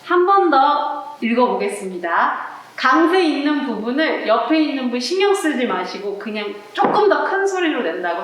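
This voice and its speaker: A woman's voice: sits high, far from the mic. Woman teacher counting beats in an echoey room. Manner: friendly, counts beats aloud, addresses viewers directly. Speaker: flamenco rhythm instructor. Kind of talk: online arts class lesson. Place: indoor room, seated.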